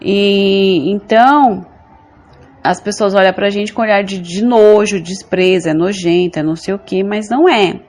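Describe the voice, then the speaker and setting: A woman's voice: mid-range voice, a little slow, darkish tone. Brazilian woman telling her church testimony, earnest, keeps saying brothers and sisters. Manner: earnest, repetitive, addresses listeners as brothers and sisters. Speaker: church member giving testimony. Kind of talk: religious testimony.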